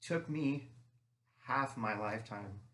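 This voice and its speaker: A man giving personal testimony as conversational storytelling, earnest and somewhat halting as he recounts it. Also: mid-range voice, sharp tone. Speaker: guest sharing recovery testimony.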